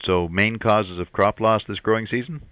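A man's voice: on the low side, normal speed, clean tone, no room sound, muffled recording. A man asking interview questions on farm radio.

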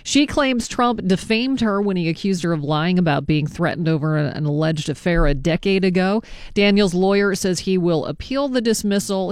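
A woman with an American accent reads news on morning radio. Her voice is smooth and clear, recorded close and dry in the studio. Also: fairly low pitch, darkish tone, dry recording. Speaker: radio newsreader. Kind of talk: casual radio chat and scripted news reading.

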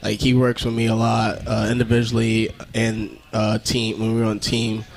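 Flat-voiced young athlete man. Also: fairly low pitch, moderate pace, poor audio. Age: young adult. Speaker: college football player guest. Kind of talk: radio interview answers. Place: restaurant.

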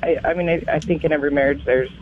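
A man's voice: fairly high pitch, fairly even intonation, rapid-fire, a little hiss or hum. A man calling in to a radio show, hesitant and reasonable. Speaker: caller. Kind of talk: phone-in call. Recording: tinny phone line.

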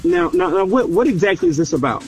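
Young man, stammering, confused, lively pitch, faint music behind. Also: quick pace. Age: young adult. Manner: confused, stammering, repeats words. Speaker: prank call target.

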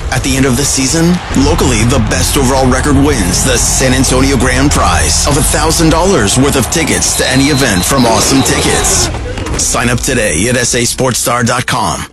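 Male radio promo announcer over loud music. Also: medium pitch, moderate pace. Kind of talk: scripted radio promo read.

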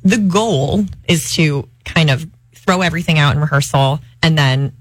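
A stage performer with a slightly husky voice explains how the show works in a relaxed, thoughtful way on a radio interview. The sound is dry and close. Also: medium pitch, moderate pace, no room sound. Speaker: stage actor guest. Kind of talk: casual interview chat.

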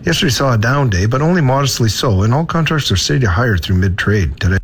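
A man's voice: medium pitch, lively intonation, fast, noisy background. A man reading a scripted hog market report for farm radio.

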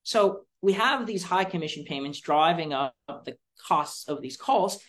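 Fairly high in pitch and fairly bright in tone, with lively intonation, a young American student policy advocate from Florida gives explanatory interview answers. He speaks articulately and deliberately, stressing his points emphatically.

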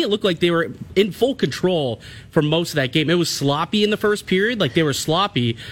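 A man co-hosting sports radio, giving casual, emphatic analysis. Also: on the high side.

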